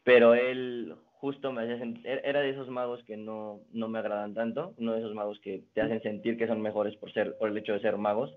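A young man from Mexico, a guest in a casual interview, telling his story in a relaxed way with many restarts. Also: lowish voice, a little fast, hardly any pauses. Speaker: guest, card designer and magician. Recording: phone-like narrow band.

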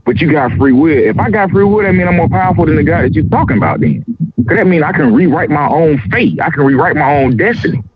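Man in casual debate, lively pitch, slightly high; lo-fi sound. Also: quick pace, slightly rough. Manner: argumentative, working through an argument. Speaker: podcast co-host. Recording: lo-fi audio.

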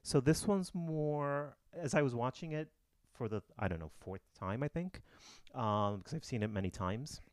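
A man's voice: medium pitch, animated, normal speed, dry recording. A man co-hosting a podcast in casual chat, wry and talkative, laughing often. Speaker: podcast co-host.

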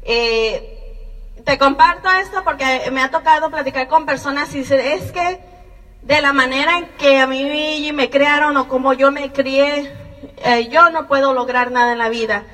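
High-voiced woman speaking in an echoing hall. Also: a bit bright. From Mexico (Jalisco and Colima). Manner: slow, earnest and encouraging, with Mexican expressions. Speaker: speaker giving a testimony. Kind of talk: personal testimony speech. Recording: far from the mic in a reverberant hall.

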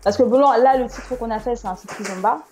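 A woman singer as a guest in a casual interview, easygoing and quick to agree. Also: on the high side, a crowd in the background.

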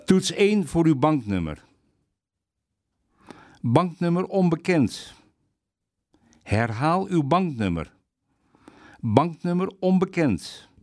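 A man's voice: on the high side, big pitch swings, slow, long pauses, a little mellow, no echo, studio quality, voice pushed up. A man putting on a clipped, robotic automated phone-menu voice while reading a humorous column aloud. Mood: mechanical.

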